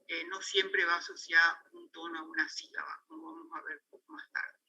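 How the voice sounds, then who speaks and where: A man's voice: on the high side, steady tone, fairly quick, vocal fry, sharp tone, rough recording. A man with a Paraguayan Spanish accent giving an academic lecture on linguistics, hesitant, with many fillers and restarts.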